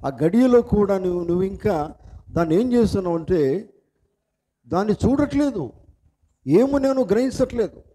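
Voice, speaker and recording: High-voiced, mellow Telugu-speaking pastor. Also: male voice, expressive, moderate pace, pauses often. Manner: asks the congregation repeated questions; repetitive, emphatic preaching cadence. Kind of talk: sermon.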